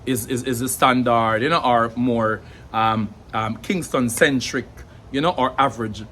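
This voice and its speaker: A young Jamaican-accented language vlogger explains things casually to camera in a steady, slightly bright mid-range voice. He often pauses on fillers and repeats words while thinking, over a faint hum of background ambience.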